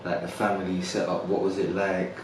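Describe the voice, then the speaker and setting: A man's voice: low voice, little pitch movement, a little fast, heavy reverb, distant mic, noisy background. A man hosting a podcast in a casual interview, easygoing, with frequent fillers like "like" and "yeah.". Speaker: podcast host.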